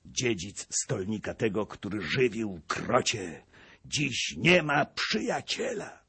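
Man playing a vengeful old servant, husky, lively swings, unhurried verse. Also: fairly low pitch, full character voice. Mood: bitter. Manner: declaiming in rhymed verse.

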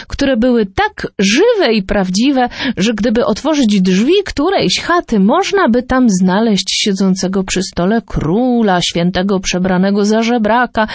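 A woman reads a Christmas folk tale in a gentle, measured way. Her pace is slow and unhurried. The recording is dry and close. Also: mid-range voice, no echo. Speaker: storyteller. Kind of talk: scripted narration of a folk tale.

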